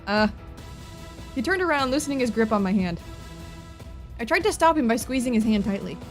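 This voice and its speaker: A woman with a high voice reads a visual novel aloud over soft game music. She is expressive and reactive, slipping between narration and casual commentary as a let's play host. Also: fairly quick.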